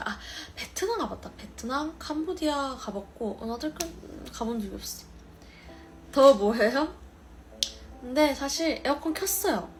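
A young woman hosting a live stream, chatting playfully with viewers in a mix of her own language and halting English. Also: high-pitched, a little hiss or hum. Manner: mixes Korean and halting English, playful and bubbly. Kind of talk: casual live chat with viewers.

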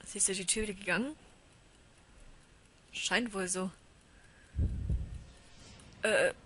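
A woman chats casually through a horror game and reads its text aloud. Her voice is bright and sharp. When she gets scared she chants the same word over and over in a panic. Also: mid-range voice, slow, slight background noise. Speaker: let's play gamer. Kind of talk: casual live game commentary.

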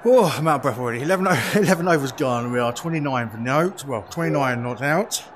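A man giving relaxed, chatty running commentary on his own play in a VR cricket game, with quick exclamations. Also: mid-range voice. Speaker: gaming video creator. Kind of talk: live commentary while playing a VR cricket game. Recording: steady background noise.

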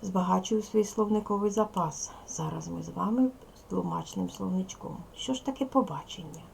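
Gravelly-voiced woman teaching young children. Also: mid-range voice, a little mellow, a little hiss or hum. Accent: Ukrainian. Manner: slow, careful, deliberate explanation to young pupils. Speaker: primary school teacher. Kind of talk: recorded video lesson for children.

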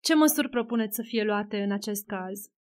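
A woman's voice: medium pitch, darkish tone, close to an everyday voice. Female narrator as composed male detective, courteous, probing, audiobook. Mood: inquiring. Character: shrewd polite male detective.

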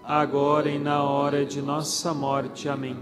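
A man with a Brazilian Portuguese accent leading a recited rosary prayer in a steady chant. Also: fairly high pitch, unhurried. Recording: long reverb with background music.

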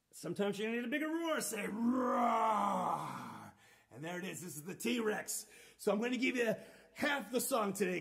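Over a loud acoustic guitar, a children's musician with a high, gravelly voice runs a cheerful live-streamed sing-along for kids. He's playful and upbeat, calling out to his young audience through a live-stream microphone.

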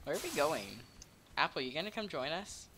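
A woman playing an online game with friends, playful and giggly, chatting casually and excitably. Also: low-pitched, a little fast, background noise. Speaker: gamer co-host. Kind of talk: casual multiplayer gameplay chat. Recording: game music loud under voice.

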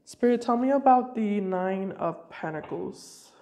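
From a decorated card table in a home room, a woman with a cold reads tarot cards for her viewers. She has a medium-pitched, dark, expressive voice and a measured pace, and she chats casually, thinking aloud and starting over hesitantly.

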